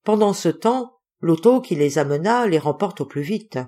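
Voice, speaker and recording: A woman reads a classic novel aloud as an audiobook narrator. Her voice sits a little low, and she tells the story with expressive, lively phrasing. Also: moderate pace. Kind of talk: audiobook reading.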